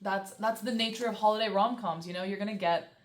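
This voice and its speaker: A young woman vlogging a casual book review, ranting in an exasperated way with lots of fillers. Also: mid-range voice. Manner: exasperated, fast, with many fillers and sarcastic quoted asides. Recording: echoey room.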